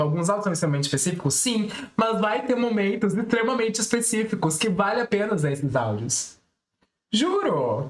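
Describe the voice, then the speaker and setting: Giggly chatty streamer in echoey room. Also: mid-range voice. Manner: chatty and giggly, lots of little repeats. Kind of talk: casual live-stream chat.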